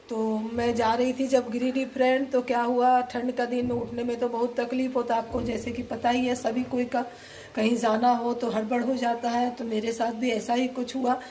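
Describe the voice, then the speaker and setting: High-voiced woman vlogger with a cold. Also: dark tone, a little hiss or hum. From eastern India. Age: middle-aged. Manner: chatty, rambling, addresses viewers as friends. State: has a cold and fever. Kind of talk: casual storytelling to camera.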